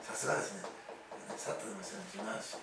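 A man's voice: fast, background noise. A middle-aged man, a pastor telling a story in a chatty sermon and often adding "ne". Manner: chatty, laughing asides, tag-question "ne". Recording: echoey hall, distant mic, faint ambience.

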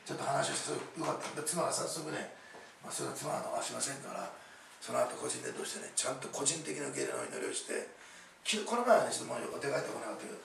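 A man's voice: on the high side, vocal fry, slight background noise. A middle-aged man, a pastor telling a story in a chatty sermon and often adding "ne". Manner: chatty, laughing asides, tag-question "ne". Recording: echoey hall, distant mic, faint ambience.

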